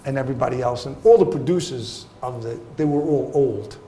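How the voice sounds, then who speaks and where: A man, an actor giving a master class, telling anecdotes in an animated, laughing way with many fillers. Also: mid-range voice, a little fast, slight background noise. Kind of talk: anecdotal storytelling interview. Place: festival venue hall. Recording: roomy hall, faint ambience.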